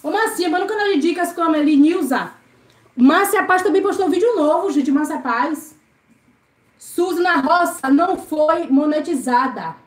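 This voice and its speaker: A woman from Brazil, high-pitched and animated, talks at a moderate pace on a casual live stream, cleaning her home service area while reading comments and greeting viewers by name. Faint noise and room echo are audible.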